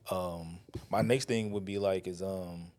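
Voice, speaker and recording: A man hosting a casual interview, asking questions haltingly as he searches for his words. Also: low-pitched, fairly even intonation, darkish tone. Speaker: podcast host.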